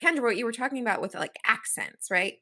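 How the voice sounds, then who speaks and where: A woman with a Valley Girl accent speaks in a bright, slightly high voice. She co-hosts a casual podcast discussion, earnest and reflective, often checking in with listeners and co-hosts. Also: expressive, fast talker. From Hawaii. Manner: earnest, reflective, frequent "right?" tags. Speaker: podcast co-host.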